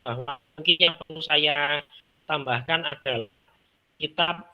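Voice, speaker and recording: Man on a choppy, cutting-out call. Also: on the high side. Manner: halting, many fillers and restarts. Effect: choppy, cutting-out online call audio. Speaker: teacher in an online discussion. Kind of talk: casual discussion remarks. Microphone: video call. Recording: dull lo-fi call audio breaking up.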